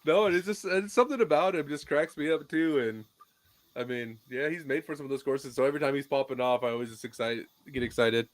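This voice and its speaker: A man's voice: medium pitch, fast talker. A man in his thirties hosting a casual chat show, upbeat and enthusiastic as he wraps things up. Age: 30s. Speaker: podcast host.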